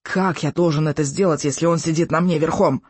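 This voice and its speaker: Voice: medium pitch, steady tone, a little fast, breathy edge, dry recording, lightly acted. A reader voicing a stubborn, battered young Viking boy speaking in a strained wheeze, in an audiobook.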